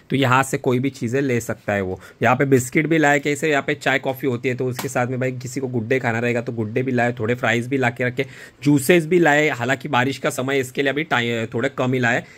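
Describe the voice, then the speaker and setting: This vlogger, a man in his twenties who also sells online, has a medium-pitched, fairly bright voice. Holding his phone at arm's length, he talks casually to the camera, dropping "bhai" all the time, moving between a small office room and a street at night.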